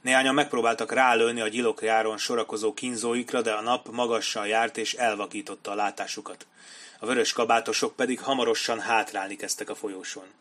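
A man reading a war novel aloud as an audiobook narrator, in a dramatic, measured way. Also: lowish voice, steady tone, a bit bright. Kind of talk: scripted narration.

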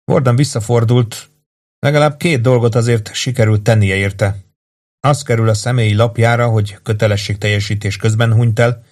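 A man narrating an audiobook in a measured, even way. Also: fairly low pitch. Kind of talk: audiobook reading.

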